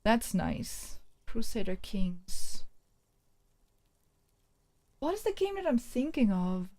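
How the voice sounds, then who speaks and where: A woman's voice: fairly high pitch, takes it slowly. A woman streamer from the Netherlands with a Dutch accent, chatting casually and thinking aloud while playing. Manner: relaxed, chatty, thinking aloud with many fillers. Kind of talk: casual game stream chat and reading aloud.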